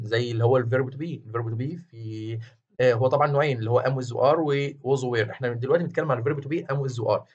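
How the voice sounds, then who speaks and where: A man with an Egyptian Arabic accent giving an online grammar lesson, patient and repetitive, often pausing to check that the listener follows. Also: mid-range voice, darkish tone, dull audio. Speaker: language teacher.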